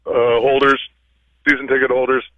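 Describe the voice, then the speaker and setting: A male caller talks over a thin, tinny phone line. He speaks in a measured way and often stops to restart a sentence. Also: mid-range voice, little pitch movement, pushed and bright, no room sound. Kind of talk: call-in radio chat.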